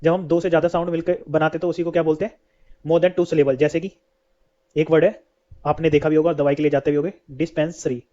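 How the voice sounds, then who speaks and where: A man teaches an English lesson at a steady pace, asking a question and then answering it himself. His voice sits fairly high and sounds mellow and soft-edged. The recording is dull and lo-fi. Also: fairly quick.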